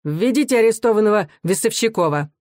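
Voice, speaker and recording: A reader doing a contemptuous gendarme officer for a storybook recording, barking cold, mocking orders. The voice sits higher and louder than the narration. The sound is dry and close, with no room echo. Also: normal speed, close to an everyday voice. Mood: sneering commands.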